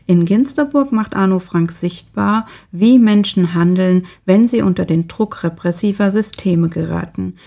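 A woman presenting a novel in a calm, measured, scripted review and reading an excerpt aloud. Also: fairly low pitch, gravelly. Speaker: book presenter and reader.

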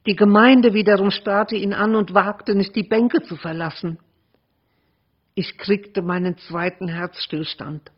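Woman author reading her own prose, husky and lively, muffled lo-fi sound. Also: lowish voice. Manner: dramatic, lively narration with shifts in loudness. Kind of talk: expressive literary reading. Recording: muffled lo-fi recording.

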